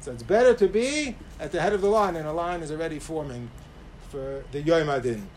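High-pitched man preaching, emphatic. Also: brisk. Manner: emphatic, swinging between raised stress and softer asides. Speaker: rabbi giving a religious talk. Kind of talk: sermon, Torah lecture with Hebrew quotations. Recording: clear background noise.

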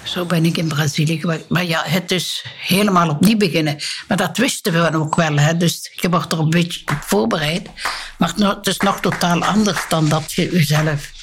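A woman's voice: lowish voice, moderate pace, slight background noise. An older Flemish nun, a former missionary, tells personal memories in an interview, acting out the dialogue as she goes and often tagging her sentences with a little "hè". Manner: vivid retelling with quoted dialogue and frequent tag "hè".

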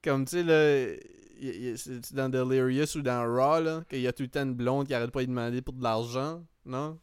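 Speaking with a medium pitch and steady, smooth tone at a moderate pace, a podcast host chats casually in a Quebec French accent. He tells comic anecdotes, rambling, repeating himself and using English slang, captured in studio quality with no echo.

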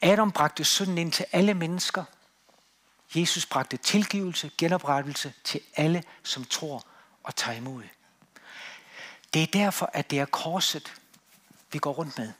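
Male preacher, slightly high voice, emphatic swells and quiet drops, church sermon. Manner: emphatic, rising on key words then dropping to quiet.

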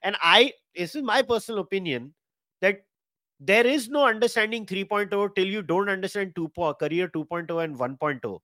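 A man in his forties with an Indian English accent, hosting a podcast interview and talking quickly and animatedly, mixing in Hindi. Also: high voice, animated, bright, forceful tone, no echo, studio quality. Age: 40s. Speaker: podcast host. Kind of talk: conversational interview.

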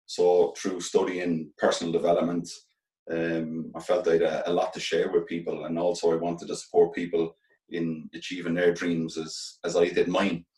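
A middle-aged Galway man from the west of Ireland, a former professional footballer now coaching, reflects as an interview guest. His voice is low and monotone with a darkish tone, picked up from a distance in an echoey room, off the mic. Earnest and halting, he repeats phrases while thinking aloud.

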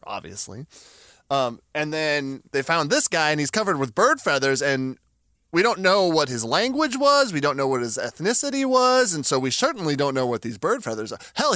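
A young man with a fairly high, bright voice trades flippant, sarcastic banter on a casual podcast. The sound is dry and close, with no room echo. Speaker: podcast co-host.

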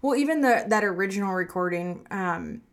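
A woman co-hosting a podcast, talking in a chatty, animated way with lots of filler words. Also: medium pitch, moderate pace. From Southwest Arkansas. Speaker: podcast co-host. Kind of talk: casual chat.

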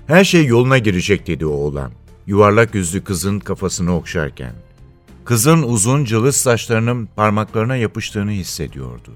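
Low-voiced man reading a thriller aloud. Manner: measured, dramatic, drops quiet at sentence ends. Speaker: radio reader. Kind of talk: dramatic audiobook narration.

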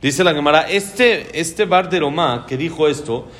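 Male Torah teacher, slightly raised pitch, lively storytelling with fillers. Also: unhurried. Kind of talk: Talmud lesson.

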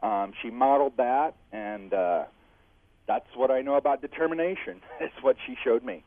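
A man's voice: mid-range voice, moderate pace. Man calling in over a tinny phone line. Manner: reflective, heartfelt, chuckles between thoughts. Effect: heard over the phone. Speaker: radio caller. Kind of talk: call-in chat.

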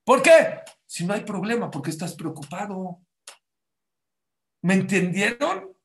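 A man's voice: high voice, sing-song, a little slow. A man preaching a Torah sermon, emphatic and questioning his listeners directly, with Hebrew religious terms mixed in. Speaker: rabbi teaching a Torah class. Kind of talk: Spanish-language Torah sermon. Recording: roomy echo.

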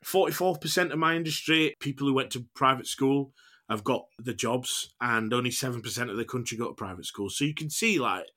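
A man's voice: mid-range voice, brisk, pushed and bright. A man in his thirties with a Yorkshire accent, talking informally and reflectively in a candid interview. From Yorkshire, England. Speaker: actor, podcast guest.

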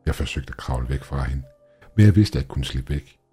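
A man narrating a scripted horror tale in a very low, dark voice. His tone is strongly husky and breathy, and his telling is tense and measured, with faint music underneath. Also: lively intonation.

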